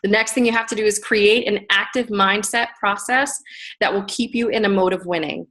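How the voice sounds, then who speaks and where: A middle-aged woman coaching a group on a call, giving an energetic tough-love motivational talk. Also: mid-range voice, normal speed. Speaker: business coach.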